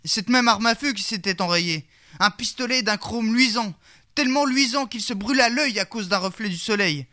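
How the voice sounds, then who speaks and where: A man's voice: sits high, normal speed, sharp tone. A man narrating a comic fairy tale in a mock-solemn tone, with absurd asides.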